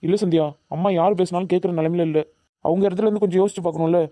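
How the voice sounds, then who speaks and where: A man's voice: high voice, fairly even intonation, rapid-fire, warm tone, no echo, natural voice. A man voicing a worried, earnest young college student in a cartoon, reassuring and pleading with his friends. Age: young adult. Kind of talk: animated cartoon dubbing.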